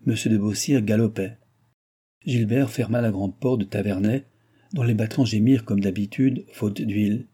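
Husky, dark-voiced male narrator. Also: lowish voice, fairly even intonation, moderate pace. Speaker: audiobook narrator. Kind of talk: reading a classic novel aloud.

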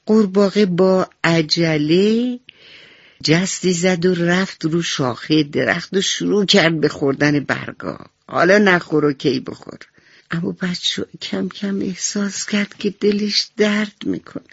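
A woman's voice: fairly low pitch, breathy edge, no echo, muffled recording. Woman telling a children's bedtime story. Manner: warm, affectionate addressing of children.

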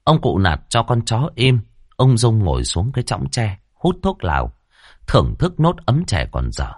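A man narrating a Vietnamese ghost story in a lively storytelling cadence. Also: medium pitch, moderate pace, dry recording, studio quality.

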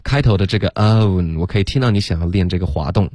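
A man coaching English pronunciation, patiently correcting sounds and repeating them slowly to model them, with English words mixed into his explanations. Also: sits low, darkish tone, dry recording, studio quality.

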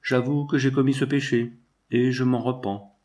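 A man's voice: mid-range voice, steady tone, normal speed, darkish tone, pitched above the performer's own voice, natural voice. A man reading aloud who voices a dying old man answering a priest, weary and defiant.

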